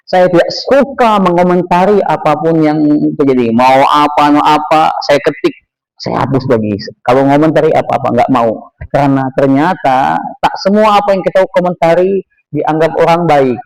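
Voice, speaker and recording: A man, an ustadz teaching Quran tafsir in a mosque, swinging between high emphatic bursts and low quiet asides and chanting Arabic verses slowly. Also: gravelly, no room sound, low-quality recording. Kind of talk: sermon-style Quran lesson.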